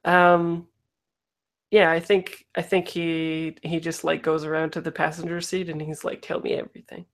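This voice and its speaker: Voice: medium pitch, level tone, a little slow. A player in a tabletop roleplaying game, talking casually and tentatively while improvising a character's moves.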